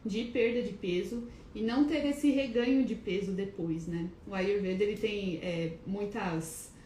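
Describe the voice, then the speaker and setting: A woman's voice: mid-range voice, measured pace, mellow. Chatty woman live-streaming from an echoey room. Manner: chatty, greets viewers by name, hesitant restarts; calls herself shy and nervous. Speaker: wellness live-stream host. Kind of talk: casual live-stream talk. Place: clinic office, indoors. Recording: echoey room, faint background noise.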